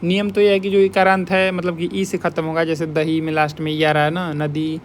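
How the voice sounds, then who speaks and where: A man's voice: on the high side, monotone, a little fast, a little hiss or hum. A man teaching as a Hindi exam tutor, walking through test questions step by step and repeating the points to remember. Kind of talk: exam question walkthrough lesson.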